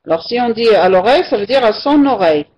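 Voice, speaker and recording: She speaks fast in a slightly high, expressive voice while teaching French online. The class recording is muffled and low quality, and she patiently goes over her students' answers, repeating and correcting them.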